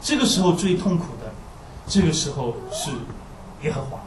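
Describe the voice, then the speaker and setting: A man's voice: sits high, moderate pace, noisy background. A man preaching a sermon, full of rhetorical questions and sighing exclamations. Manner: animated, rhetorical questions with frequent sighing interjections. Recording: roomy hall recorded from a distance.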